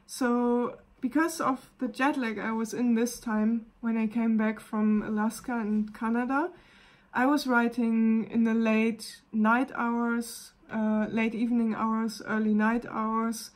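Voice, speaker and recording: A woman with a German accent, a wellness coach gently talking through a casual live video demonstration and often pausing to search for words. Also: fairly high pitch, little pitch movement.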